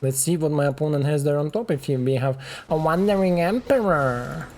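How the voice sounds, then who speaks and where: Brief: man streaming a card game, fairly high voice, chatty running commentary over faint game music. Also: brisk, a little mellow. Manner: chatty, talks to his opponent and the game. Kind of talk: casual gameplay commentary.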